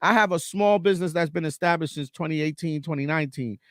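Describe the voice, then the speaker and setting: A man co-hosting a podcast, talking fast in an animated, slangy way and repeating himself for emphasis. His voice sits a little high for a man. The recording is close and dry, with no room sound. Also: no echo. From Trinidad and Tobago, raised in Boston and Queens. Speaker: podcast co-host. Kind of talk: casual podcast chat.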